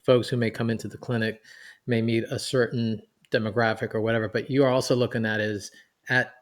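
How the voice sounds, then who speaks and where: A man in his forties from New York City co-hosting a podcast, chatty and animated as he talks. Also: medium pitch, a little fast. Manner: chatty, animated, laughing as he reminisces. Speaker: podcast co-host. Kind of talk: podcast conversation.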